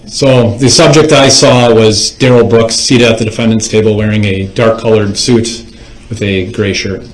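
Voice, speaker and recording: Male police witness, lowish pitch. Formal, measured courtroom testimony, roomy echo on the mic. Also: steady tone. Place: indoors in a courtroom. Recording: echoey courtroom microphone.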